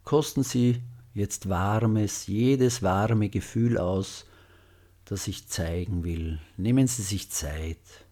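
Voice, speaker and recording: Slow, low-voiced man guiding meditation. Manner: slow, gentle, with long pauses and soft phrase endings. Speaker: meditation guide. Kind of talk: guided loving-kindness meditation.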